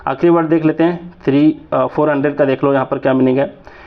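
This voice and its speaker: A man in his thirties from Jharkhand, India, speaks with a Jharkhand Hindi accent in a fairly high, steady voice at a fast clip. He teaches exam vocabulary chattily, often checking that listeners are following. The lo-fi recording sounds slightly dull.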